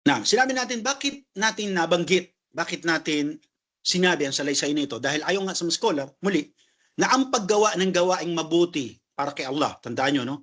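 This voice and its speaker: A man teaching a religious class, explaining each term as he goes and often checking in with a quick "no?". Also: a little high, expressive, a bit bright. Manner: explains terms, tags sentences with "no?". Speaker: Islamic lecturer.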